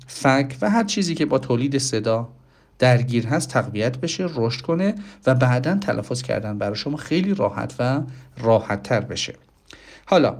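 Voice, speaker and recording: A man's voice: mid-range voice, darkish tone. A man teaching English pronunciation in a casual spoken lesson, explaining step by step and asking his listeners rhetorical questions. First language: Persian.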